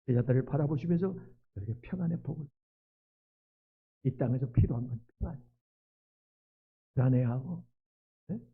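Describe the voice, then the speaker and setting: A male pastor preaching a sermon, moving from hushed pleading to loud, fervent cries. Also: mid-range voice, normal speed, creaky, long pauses, slightly rough. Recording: tinny phone-like sound.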